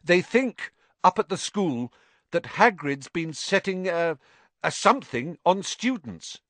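A man's voice: sits high, sing-song, slow, a bit bright, no room sound, pitched above the performer's own voice, exaggerated voice. A man voicing a frightened schoolboy who speaks urgently and breathlessly in a storybook reading.

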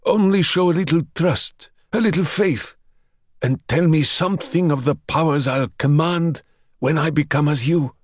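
A man's voice: on the high side, moderate pace, no room sound, clean studio sound, voice pushed up, close to an everyday voice. A man voicing a desperate young man who pleads eagerly and lies to bargain with a vampire. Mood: wheedling.

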